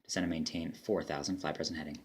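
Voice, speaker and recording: A man's voice: extremely low pitch, fairly even intonation, quick pace, husky. A man speaking as an air traffic controller, mixing clipped phraseology with casual commentary. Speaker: air traffic controller player and demo narrator.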